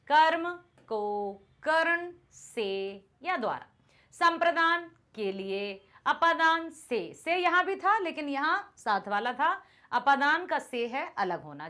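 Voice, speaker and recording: A woman teaching grammar in a fairly high, lively voice that rises and falls a lot. She explains patiently and keeps checking that her students are following. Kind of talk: grammar lesson.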